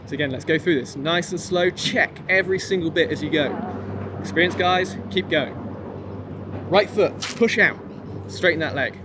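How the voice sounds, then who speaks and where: A man's voice: on the high side, fairly quick. A man instructing a kung fu class, encouraging and informal, giving step-by-step commands and counts. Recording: noisy outdoor recording with traffic ambience.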